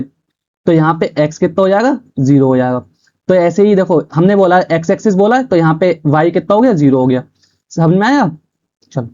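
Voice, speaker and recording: A man's voice: high-pitched, darkish tone, dull audio. A man teaching a math class step by step, asking and answering his own questions as he works each problem. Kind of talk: chalkboard math lesson.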